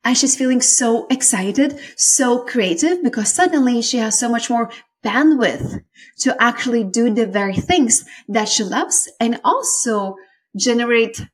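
A woman's voice: fairly high pitch, expressive, a little slow. A woman in her thirties from Lithuania with a Lithuanian accent, hosting a solo business podcast in an earnest, effusive way. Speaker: podcast host. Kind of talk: warm solo podcast talk.

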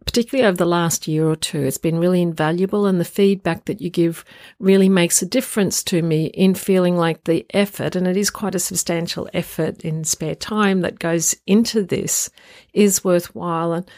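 A woman hosting a solo podcast in an informal, reflective and earnest way, her voice croaky from getting over the flu. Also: lowish voice, darkish tone, no room sound, clean studio sound. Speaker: podcast host.

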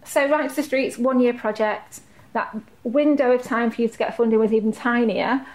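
A woman's voice: fairly high pitch, fairly even intonation, moderate pace, a little mellow. A woman hosting a podcast interview, chatty and playful with her guests. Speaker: podcast host.

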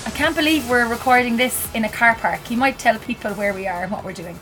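A woman's voice: a little high, fast, fairly bright tone, soft background music, low-quality recording. Woman interviewing inside a parked van. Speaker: podcast host. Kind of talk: casual interview chat. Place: inside the back of a van parked in a car park.

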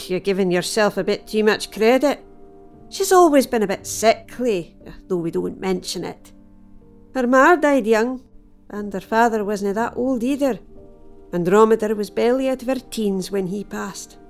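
A woman's voice: mid-range voice, natural voice. A middle-aged woman with a broad Scottish accent playing a wry, teasing, motherly villager in an audio drama. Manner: dry, teasing, matter-of-fact.

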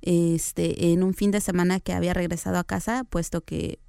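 Soft-spoken young woman from Oaxaca. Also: on the low side, level tone, normal speed, vocal fry, clear, resonant tone, dry recording, clean studio sound. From Oaxaca, Mexico. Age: young adult. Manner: soft-spoken, hesitant fillers, light laughs. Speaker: interview guest. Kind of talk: relaxed interview conversation.

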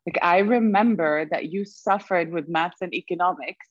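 A young woman raised in Sweden as an interview guest, reflective and quick to laugh. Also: lowish voice, no echo, highs cut off. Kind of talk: conversational interview.

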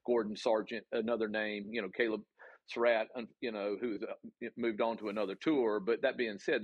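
A man with a Southern US accent, a college golf coach answering interview questions in an earnest, halting way with many ums and restarts. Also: on the low side, slightly rough, no echo, highs cut off.

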